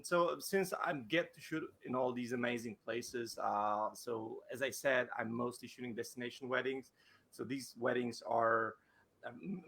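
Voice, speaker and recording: A man's voice: medium pitch, pushed and bright. Give me a man on a video call describing his photography work, hesitant and full of fillers. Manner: hesitant, many fillers and restarts. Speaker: wedding photographer. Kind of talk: casual interview answers.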